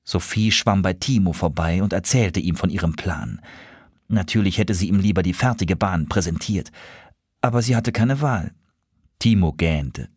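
A man with a low, somewhat husky voice reads a children's story aloud. His delivery swoops expressively up and down. The sound is dry and close. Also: a little mellow, dry recording.

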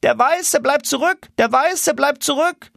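A man voicing a flock of wild geese with shrill, mocking calls, very high above his own voice. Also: unhurried, creaky, a bit bright, dry recording, clean studio sound, full character voice. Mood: urgent calling.

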